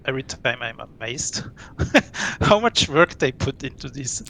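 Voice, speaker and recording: Swiss man, late thirties, relaxed guest, gravelly voice, faint rumble behind; thoughtful, laughs between points. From Switzerland. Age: late 30s. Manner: relaxed, thoughtful, laughs often, pauses to recall. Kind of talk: casual interview.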